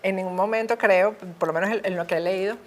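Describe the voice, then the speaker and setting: A woman hosts an interview at an average pitch for a woman. She talks conversationally and leans on hesitant fillers as she shapes her questions. She asks about her guest's book. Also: steady tone, fast.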